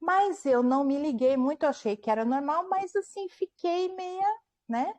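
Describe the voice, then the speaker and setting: Woman author as interview guest; warm, mellow tone, lively storyteller who acts out the dialogue. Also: high voice, normal speed. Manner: animated retelling, acting out quoted dialogue, frequent tag questions. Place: at home.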